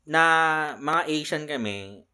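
A man's voice: fairly high pitch, lively intonation, takes it slowly, a crowd in the background. A young man co-hosting a casual drinking-session podcast, telling rambling stories full of restarts and fillers. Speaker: podcast co-host.

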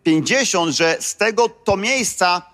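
A man's voice: sits high, expressive, measured pace, sharp tone. A man interpreting a sermon live, matching the preacher's emphasis and sometimes stumbling over words.

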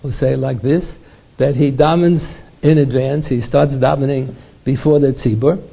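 An older American rabbi delivers a Torah lecture to a congregation at a synagogue, repeating words, asking rhetorical questions, and using Yiddish and Hebrew terms. His gravelly, husky voice is mid-range with fairly even intonation at normal speed. The recording sounds dull and lo-fi.

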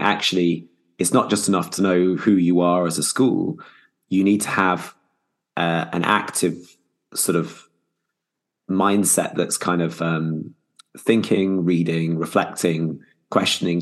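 A man co-hosting a podcast discussion, his voice croaky and froggy from a cold, speaking in a measured, reflective way. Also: low-pitched. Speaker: podcast co-host, teacher.

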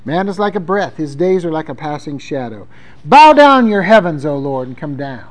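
High-voiced male pastor preaching. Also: big pitch swings, moderate pace, poor audio. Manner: conversational preaching, reading scripture aloud with emphasis. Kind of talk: sermon.

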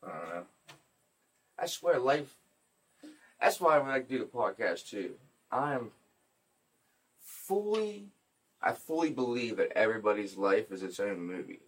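A man hosting a podcast, telling stories in a casual, profane, animated way. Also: fairly low pitch, normal speed, pauses often, breathy edge, recorded from a distance. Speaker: podcast host.

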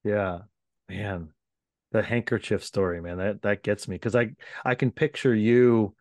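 A man's voice: lowish voice, fairly even intonation, unhurried, no echo, clean studio sound. A man hosting an interview, asking follow-up questions and reacting with short encouragements. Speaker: interview host. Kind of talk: casual interview.

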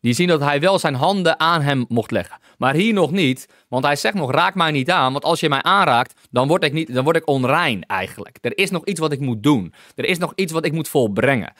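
A man's voice: fairly high pitch, lively intonation, brisk, few pauses, fairly bright tone, dry recording, clean studio sound. A man teaching through a Bible passage, enthusiastic, often breaking into hallelujah and restarting sentences as he explains scripture. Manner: many restarts while reading and explaining scripture.

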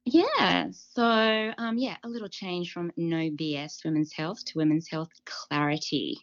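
Woman, 30s to 40s, podcast co-host, earnest and animated, lowish voice, muffled recording. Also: a little slow. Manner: animated, earnest, with ums and restarts. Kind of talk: casual podcast chat.

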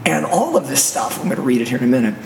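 Gravelly, hoarse man in an echoey room. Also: medium pitch, sing-song, very fast. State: hoarse, recovering from laryngitis. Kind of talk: religious talk radio conversation. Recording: roomy, echoey, distant, faint noise.

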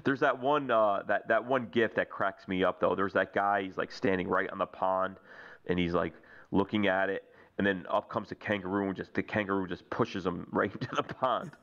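A man's voice: low-pitched, fairly even intonation, moderate pace, a bit bright, highs cut off. A man co-hosting a live show, chatting casually and jokingly. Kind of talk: casual, jokey chat.

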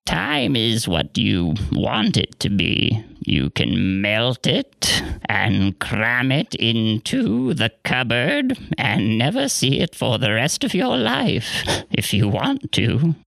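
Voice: medium pitch, wildly swooping pitch, takes it slowly, vocal fry, a bit bright, no room sound, full character voice. A performer playing Rumpelstiltskin, an ancient male imp who speaks grandly, with archaic words and a sing-song delivery. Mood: theatrical. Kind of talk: in-character interview.

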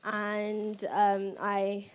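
A woman's voice: medium pitch, completely flat delivery, extremely slow, clear, resonant tone. An eighteen-year-old woman with a South London accent, talking casually as a co-host on a live podcast panel. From Brixton, South London.

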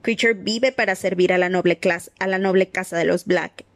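A woman's voice: lowish voice, fairly even intonation, moderate pace, dry recording, close to an everyday voice. A woman voicing an old male house-elf servant who mutters resentfully and talks about himself in the third person, in an audiobook reading. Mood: bitter muttering.

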